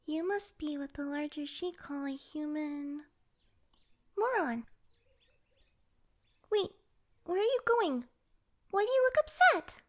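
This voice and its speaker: In a fantasy ASMR roleplay, a woman plays a little pixie with an extremely high voice who is proud, indignant, and wary of humans. She stammers, flustered, speaking slowly with long pauses and lively intonation.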